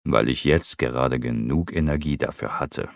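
A man's voice: extremely low pitch, normal speed, gravelly, no room sound, clean studio sound. A man doing a weary, bitter lord. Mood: resigned. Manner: curt, flat, resigned retorts. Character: weary, bitter aristocratic man, tired of life. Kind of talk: audiobook reading.

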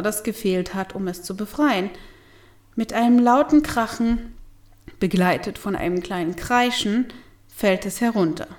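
A woman reading a comic first-person story aloud, wry and lively, with whispered asides. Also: medium pitch. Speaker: audiobook narrator. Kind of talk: first-person comedic audiobook narration.

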